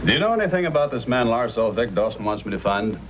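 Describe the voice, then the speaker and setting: A man's voice: mid-range voice, very animated, quick pace, very noisy, close to an everyday voice. Sergeant Preston, businesslike radio Mountie played by a man. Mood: businesslike, affable. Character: brisk, courteous Mountie sergeant on a case. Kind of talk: old-time radio acting. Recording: old radio recording.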